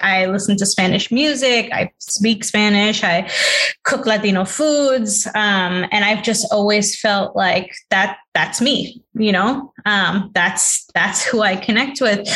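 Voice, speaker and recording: A woman's voice: medium pitch, a bit bright. A young woman from New City, chatting as a podcast guest with many fillers. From New York City. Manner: chatty, lots of fillers and likes. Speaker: guest, author. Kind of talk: casual interview.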